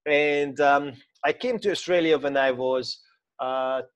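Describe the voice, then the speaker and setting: A man in his thirties speaks English with a Hungarian accent, coaching informally as he talks through a drawing on a shared screen. His voice sits a little high for a man. He hesitates often, with plenty of fillers and restarts. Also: a little slow. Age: 30s. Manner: hesitant, many fillers and restarts, non-native grammar. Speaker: mindset coach. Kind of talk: informal talk to camera with screen-share explanation.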